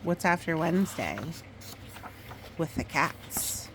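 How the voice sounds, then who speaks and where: Over slight background noise on a low-quality recording, a deep-voiced woman with vocal fry reads a kids' story. Her reading is expressive, broken up by chatty remarks on the illustrations.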